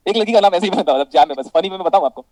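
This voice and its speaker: A man with an Indian accent teaching electronics in a classroom, mixing Hindi and English. He calls his students "beta", checks often whether things are clear and jokes with them. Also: high voice, expressive, very fast, darkish tone, no echo, rough recording.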